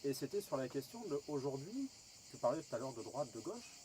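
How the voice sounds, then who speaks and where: A man's voice: medium pitch, very animated, brisk, mellow, a little hiss or hum, low-quality recording. A French man asking questions in an interview, hesitant, with many fillers and false starts.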